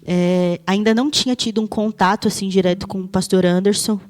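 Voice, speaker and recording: A young woman from São shares her testimony in church, her voice mellow and soft in tone. She talks in a relaxed, conversational way with plenty of fillers, restarts and quoted dialogue. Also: mid-range voice, brisk. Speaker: church member giving testimony.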